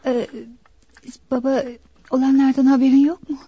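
An actress playing a young daughter in a radio drama, emotional and pleading. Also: female voice, high voice, level tone, normal speed, warm tone, breathy edge, no room sound. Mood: distressed. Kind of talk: 1960s Turkish radio drama acting. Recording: dull lo-fi dry archive radio recording.

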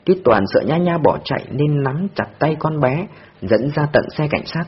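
Husky, expressive male audiobook narrator. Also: fairly high pitch, moderate pace. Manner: expressive storytelling. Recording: dull lo-fi recording.

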